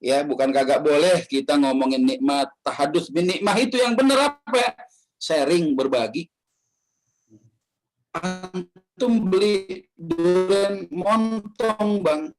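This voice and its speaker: A man's voice: a little high, moderate pace, soft background music, rough recording. A man giving a casual, joking religious talk, acting out the voices he quotes. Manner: joking, acts out quoted voices, laughs often. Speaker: preacher. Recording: online study session.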